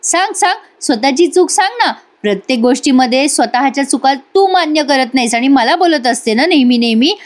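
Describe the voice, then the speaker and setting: A woman's voice: sits high, expressive, brisk, few pauses. A woman voicing an angry, suspicious young husband who needles his wife sarcastically. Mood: irritated. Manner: sarcastic, accusing.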